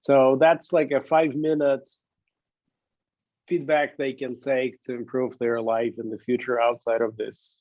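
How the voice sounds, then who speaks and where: A man's voice: medium pitch, level tone, measured pace, no room sound, lo-fi sound. A man running a moot court and keeping time, talking casually and rambling with many restarts on a video call. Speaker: moot court organizer and timekeeper.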